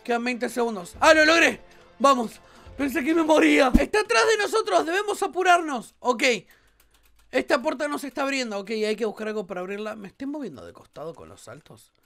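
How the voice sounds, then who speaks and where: A woman with an Argentine accent, a gaming YouTuber doing let's play commentary, excitable, often shrieking and laughing, with a sore throat. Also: sits high, a little fast, creaky, faint music behind. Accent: Argentine Spanish.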